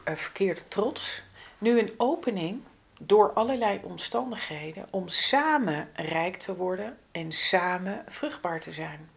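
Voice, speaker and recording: A woman giving a spiritual astrology forecast as a guide, gentle, unhurried and instructive, often dropping into a breathy near-whisper at the ends of phrases. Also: on the low side.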